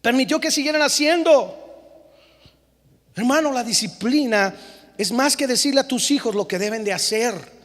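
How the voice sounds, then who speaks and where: High-voiced pastor preaching in a hall. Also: male voice. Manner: lively preaching, acting out parents and children in quick voices. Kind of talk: sermon. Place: church.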